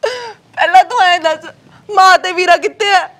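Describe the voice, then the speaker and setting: A woman's voice: extremely high pitch, measured pace, a bit bright. A woman with a Punjabi accent playing a tearful married sister who wails and quarrels with her sister-in-law. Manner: wailing, quarrelsome. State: crying. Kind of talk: Punjabi web-series acting.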